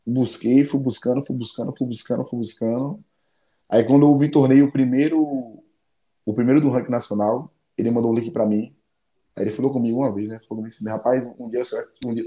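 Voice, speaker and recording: A man's voice: mid-range voice, mellow, roomy sound. A man, an MMA fighter telling stories in a casual interview, rambling and repeating phrases.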